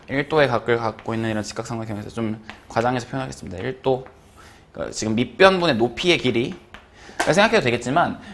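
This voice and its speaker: A man teaching math in a relaxed, rambling lecture, full of fillers and small chuckles. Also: mid-range voice. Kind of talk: casual lecture.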